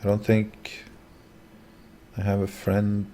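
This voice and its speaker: A man's voice: fairly low pitch, monotone, takes it slowly, dark tone, slight background noise. A man hosting a livestream, talking casually to his viewers and guests. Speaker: livestream host.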